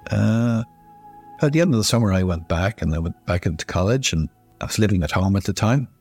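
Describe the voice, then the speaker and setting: A man from Ireland with a Dublin accent, telling a family story in a casual, lively way and acting out the people he quotes. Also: lowish voice, brisk, slightly rough, soft background music. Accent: Dublin Irish. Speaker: storyteller guest.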